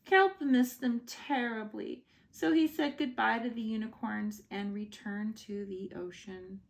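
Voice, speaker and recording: A woman's voice: fairly high pitch, a little slow, gravelly. A woman reading a children's picture book aloud as a bedtime story, expressively and with short asides. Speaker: storybook reader.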